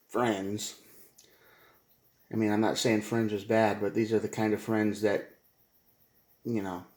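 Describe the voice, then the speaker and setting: A man's voice: fairly low pitch, a little mellow, roomy sound. Rambling man giving a tarot reading. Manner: rambling, repetitive, slangy, says "man" and "bro". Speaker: tarot reader.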